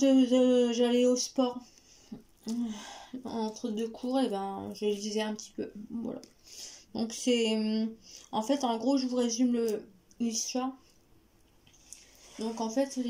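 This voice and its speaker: A woman with a slightly high, warm voice chats casually to camera in a book review vlog. She's hesitant and rambling, often repeating words, and lisps because of a dental retainer that was recently fitted.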